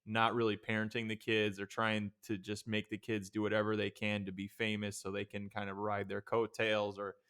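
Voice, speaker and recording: A young man with a lowish, smooth voice, co-hosting a podcast. He talks in a relaxed, rambling way, filling in with casual asides. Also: normal speed, hardly any pauses. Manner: laid-back, rambling explanations with fillers. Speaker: podcast co-host. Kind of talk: casual chat.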